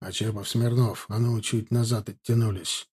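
Rough platoon sergeant, curt orders, read by a man; husky. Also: fairly low pitch, steady tone, moderate pace, darkish tone. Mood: commanding. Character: tough male platoon sergeant shouting orders.

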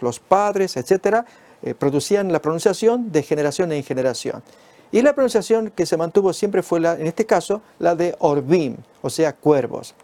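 A man gives a Bible lesson in a measured, step-by-step way, pausing on fillers as he explains. His voice sits a little high but sounds mellow and relaxed. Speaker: Bible teacher.

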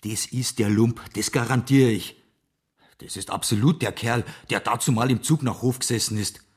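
An actor playing a plump, self-important male police witness in a radio drama, husky, with an emphatic, insistent manner. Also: medium pitch, normal speed, lightly acted.

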